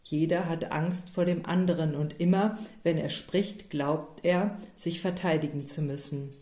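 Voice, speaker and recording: A calm, wry old village priest from a storybook, as a woman reads him out, speaking slowly in a low, mellow voice. The delivery is dry and measured, and the room adds a noticeable echo. It stays close to the reader's own voice. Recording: roomy echo.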